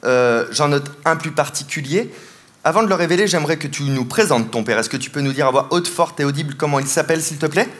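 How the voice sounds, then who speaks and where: A fast-talking man with a fairly high, fairly bright voice does comedic mentalism before a live theatre crowd. He ribs his volunteers and keeps laughing mid-sentence, and the recording carries audience noise, laughter and applause.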